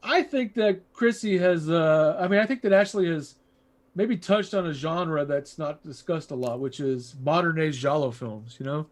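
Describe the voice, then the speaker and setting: High-voiced laughing man. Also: normal speed. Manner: rambling, laughs often, crude jokes. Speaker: podcast co-host. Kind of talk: casual horror movie chat.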